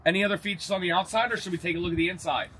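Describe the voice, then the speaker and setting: A man's voice: high voice, very fast, bright, forceful tone, a little hiss or hum, poor audio. A middle-aged man hosting a casual outdoor walkthrough of a van, asking questions with upbeat enthusiasm. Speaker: host. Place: outdoors at a vehicle lot.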